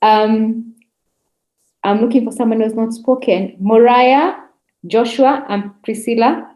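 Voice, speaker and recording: A woman's voice: fairly high pitch, steady tone, slow, mellow. A woman moderating an online forum over a video call, encouraging speakers and calling on them by name. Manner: encouraging, calls on participants by name. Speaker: webinar moderator. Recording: roomy echo.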